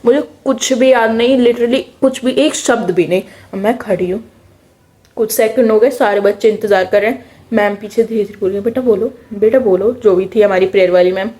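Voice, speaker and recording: A woman's voice: medium pitch, a little fast. A young woman with an Indian accent telling a personal story in a casual, chatty way. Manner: chatty, animated, mixes English words into speech. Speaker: vlogger.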